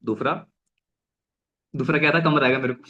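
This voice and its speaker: A young man giving an energetic network marketing talk, often restarting phrases and mixing in English. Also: mid-range voice, normal speed, muffled recording. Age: young adult. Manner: mixes English phrases into Hindi. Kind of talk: motivational business talk.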